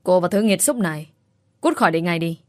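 A woman's voice: on the low side, animated, a little fast, no room sound, natural voice. A woman voicing a spiteful young female rival who shrieks scornful accusations in a storybook reading. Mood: scornful, shrieking.

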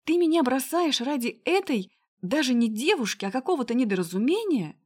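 A woman voicing a hysterical, spoiled young woman who squeals insults in a high, loud voice. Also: sing-song, moderate pace. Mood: shrieking scorn.

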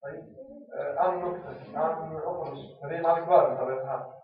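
A Tunisian man teaches a classroom lesson, pressing his students with question after question at a quick clip. His voice sits fairly high for a man. It comes through a tinny, phone-like channel, heavily echoey and from well off the mic. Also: fairly even intonation, far from the mic. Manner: quizzes the class with repeated questions.

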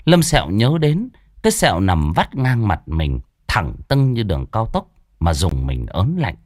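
Brief: male ghost-story narrator, animated and expressive, dry close recording. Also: fairly low pitch, measured pace, no echo. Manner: lively, animated comic delivery.

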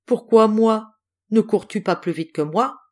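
A woman voicing a foolish, naive female antelope who talks in a high, whiny way in a storybook reading. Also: measured pace, darkish tone, lightly acted.

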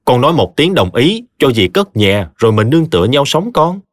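A man voicing a shrill scheming stepmother. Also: very animated, brisk, no room sound, clean studio sound. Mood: wheedling. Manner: shrill, wheedling and defiant. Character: scheming shrill middle-aged stepmother, woman.

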